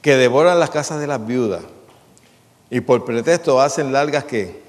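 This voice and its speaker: A man's voice: medium pitch, moderate pace. A man, a pastor giving a plain-spoken, conversational sermon and asking his congregation questions. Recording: long hall reverb.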